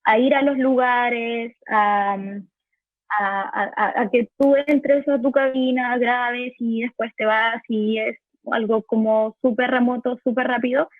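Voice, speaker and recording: A woman's voice: a little high, fairly even intonation, slow, no room sound. A voice actress from Chile with a Chilean accent, answering interview questions from her home recording room in a hesitant way, often restarting and repeating words. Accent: Chilean Spanish. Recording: tinny phone-like line, dry.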